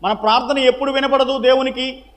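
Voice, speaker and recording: A man with a very high, bright, forceful voice leads a question-and-answer Bible teaching. He quizzes the listeners, supplies the answers himself and repeats key phrases to drive them home. His voice rings out with the long reverb of a large hall. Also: steady tone, a little fast.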